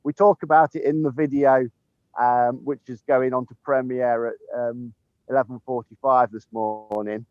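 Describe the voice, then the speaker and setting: A man, the head gardener, leads a casual garden tour outdoors in the sun, filming on a handheld phone as he walks, with plenty of chuckles and ums. His mid-range voice is fairly even at a moderate pace, with no room sound and phone-quality audio.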